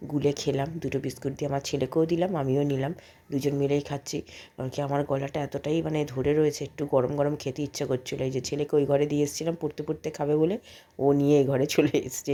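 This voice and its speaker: A woman's voice: sits low, warm tone. A woman in her thirties with a cold, chatting in a rambling, homely way as she vlogs her day at home. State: coughing, with a cold. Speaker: vlogger. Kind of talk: casual daily vlog narration.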